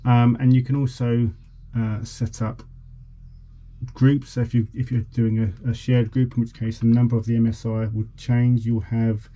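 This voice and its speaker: A mellow, mid-range male voice with little pitch movement and a moderate pace belongs to a vlogger in his forties. He's casually, somewhat tentatively demonstrating a boat radio on camera, and the background is clearly noisy.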